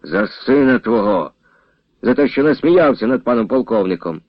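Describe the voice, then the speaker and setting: A man's voice: mid-range voice, lively intonation, moderate pace, no echo, lo-fi sound, natural voice. A man voicing a haughty, spiteful manservant who sneers and orders people away. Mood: furious. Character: haughty, spiteful male servant of a colonel.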